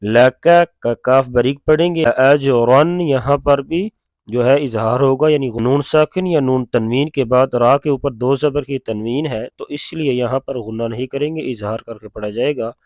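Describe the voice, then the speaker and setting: A man with an Urdu accent teaching Quran recitation, chanting verses slowly and then explaining the rules in quick plain speech. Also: medium pitch, darkish tone, no echo. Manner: alternates slow drawn-out recitation with quick spoken explanation. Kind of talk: tajweed lesson with slow recitation.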